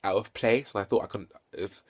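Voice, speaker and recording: Holding his phone, this vlogger reviews a game hands-on in a fairly low, slightly rough voice, clearly keen yet halting, stuttering at times, repeating words and self-correcting, all off the cuff and casual.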